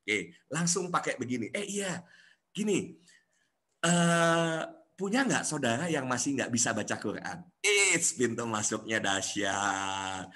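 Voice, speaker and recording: A man giving a coaching class, animated and acting out the people he quotes. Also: medium pitch, measured pace. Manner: animated, acts out quoted voices.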